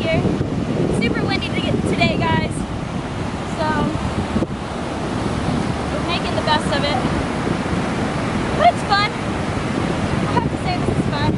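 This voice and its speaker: A young woman vlogging outdoors on a windy beach, chatting brightly and explaining each step. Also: extremely high pitch, slow, pauses often. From Florida. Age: young adult. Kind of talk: casual chat. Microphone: camera mic, filmed from a few meters away. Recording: loud wind and surf noise.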